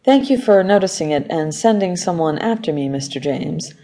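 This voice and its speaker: A woman's voice: fairly low pitch, lively intonation, normal speed, warm tone. A woman voicing a reluctant young female office worker who answers politely but on guard. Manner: polite, then defensive.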